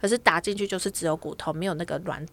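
A woman's voice: fairly low pitch, racing, fairly bright tone. A woman in her thirties chatting casually as a podcast co-host, telling a story and acting out the quoted dialogue.

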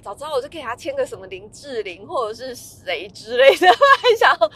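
A woman's voice: sits high, very animated, fairly quick, a bit bright, husky. A woman, casually telling a story in a vlog, laughing often and acting out the lines she quotes.

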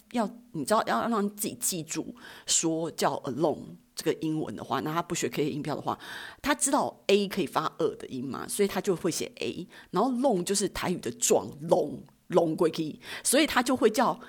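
A woman's voice: fairly low pitch, slightly rough. A woman in her thirties with a Taiwanese Mandarin accent, hosting a casual talk show and telling funny anecdotes with acted-out quotes. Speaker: podcast host. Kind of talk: casual storytelling.

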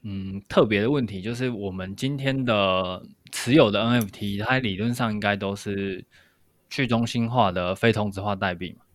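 A man's voice: lowish voice, moderate pace. A man co-hosting a podcast, explaining things step by step in casual discussion. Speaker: podcast co-host.

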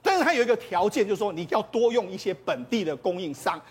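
A man delivers studio talk-show commentary at a fast clip. His voice sits high and swings widely in pitch. He drives each point home with emphatic interjections. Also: very animated, slightly rough. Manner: emphatic, acts out others' words with interjections. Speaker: political commentator.

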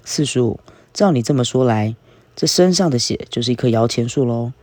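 A man's voice: medium pitch, lively intonation, moderate pace, a little mellow, no echo, close to an everyday voice. Man doing a cheeky young village man, curious, questioning, read-aloud story, dry sound.

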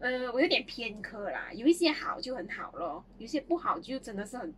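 A woman's voice: fairly high pitch, big pitch swings, brisk, a little hiss or hum. A young woman, animatedly telling childhood stories in a casual chat and laughing often. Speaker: podcast co-host.

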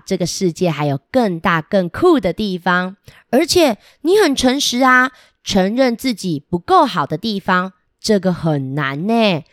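A woman voicing a polite, friendly sea spirit who speaks in a warm, coaxing and reassuring way. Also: medium pitch, dry recording, studio quality, close to an everyday voice.

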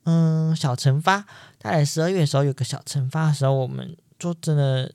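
A man's voice: a little high, fairly even intonation, brisk, gravelly, a little mellow, clear, resonant tone, dry recording, studio quality. A young man with a Taiwanese Mandarin accent, hosting a podcast and telling a personal story in an earnest, emphatic way that repeats things for stress. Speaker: podcast host.

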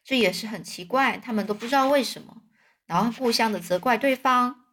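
A woman's voice: a little high, brisk, a bit bright, slight background noise. A woman telling a serialized story in a chatty way, drawing out particles at the end of phrases.

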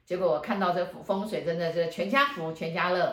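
A woman feng shui master, telling a story in a lively, chatty way with frequent laughs. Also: on the low side, a little fast. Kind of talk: casual storytelling chat. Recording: roomy echo.

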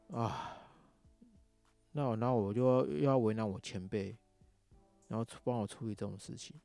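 A man's voice: mid-range voice, creaky, mellow, no echo. A man with a Taiwanese Mandarin accent, angrily ranting in a casual monologue, swearing often. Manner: angry ranting, heavy swearing. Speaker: podcast host.

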